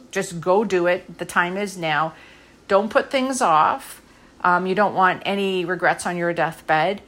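Earnest rambling woman, lowish voice. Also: a bit bright. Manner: earnest, rambling, with many fillers. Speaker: podcast host. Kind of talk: casual heartfelt monologue.

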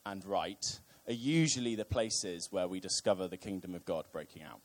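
Hesitant low-voiced young preacher. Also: male voice, normal speed. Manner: hesitant, many ums, wry asides. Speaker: preacher on the church team. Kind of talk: casual sermon.

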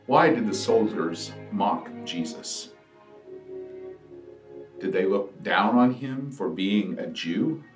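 A man reads scripture and asks reflective questions in a slow, deliberate, solemn manner. His voice is low and sounds distant in an echoey room. Quiet instrumental music plays underneath. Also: lively intonation. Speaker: scripture reader leading prayers. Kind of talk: Good Friday scripture reading and prayer.

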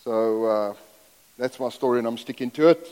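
A man's voice: mid-range voice, normal speed, darkish tone, smooth. A middle-aged man from Zambia, raised in South Africa, preaching as a guest in a church in a folksy, self-deprecating way, rambling into asides. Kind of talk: sermon. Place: church sanctuary. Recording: long hall reverb.

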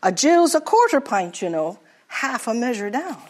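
A man's voice: very high voice, big pitch swings, moderate pace. Woman doing a hearty tavern barkeep. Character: jovial tavern barkeep, a bit hapless.

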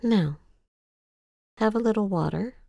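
A woman guiding a scripted self-care exercise in a gentle, compassionate, unhurried manner. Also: medium pitch, creaky, dry recording, dull audio. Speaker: writing exercise guide.

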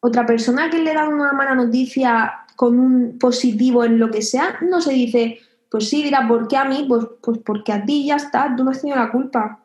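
Hesitant young woman, echoey room. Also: high voice. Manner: hesitant, reflective, with many pauses and fillers. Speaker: interviewee. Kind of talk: personal testimony. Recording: echoey room, dull lo-fi sound.

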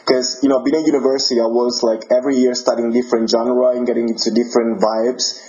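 A young man from Italy speaks English with an Italian accent, friendly and laughing easily as he hunts for the right words. His tone is soft and mellow. The sound comes through somewhat dull and lo-fi, like audio on a remote call. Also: mid-range voice, little pitch movement, fast, faint music behind. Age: 20s. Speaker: guest musician. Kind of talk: casual interview.

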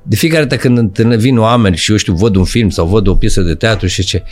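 A middle-aged man, an actor guest in casual chat, reflective and building his points slowly. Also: on the low side.

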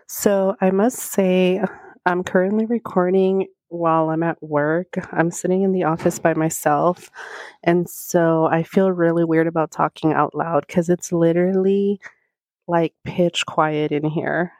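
Still hoarse as she recovers from being sick, this woman hosts a chatty solo podcast, her slightly low, scratchy voice fairly even in intonation at a measured pace. She wanders along with many fillers, recorded on a small handheld microphone in a quiet office, so the audio is close and dry with no echo.

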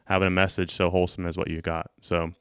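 Deep, flat-voiced earnest male host. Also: fast talker, clear, resonant tone, no echo, clean studio sound. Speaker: podcast host. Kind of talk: casual chat.

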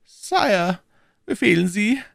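A man's voice: high-pitched, lively intonation, slow pace, creaky, no echo, clean studio sound, pitched above the performer's own voice, full character voice. A man voicing a scheming older male cardinal who speaks in a sly, ingratiating courtly way.

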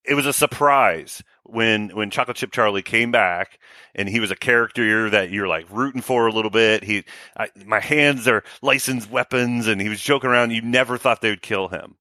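A man co-hosts a movie podcast in an easy, casual chat. His voice sits low with a forceful, bright edge, and the sound is close and dry. He is keen, and he keeps checking in with "right?". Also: brisk, dry recording. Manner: tags statements with "right?". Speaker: podcast co-host.

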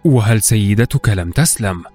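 Man acting distraught merchant master, anguished laments and questions, storybook tale, low-pitched, music behind. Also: animated, normal speed, dark tone. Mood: alarmed. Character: distraught male merchant master, anxious and grieving. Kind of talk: storybook character voice in narration.

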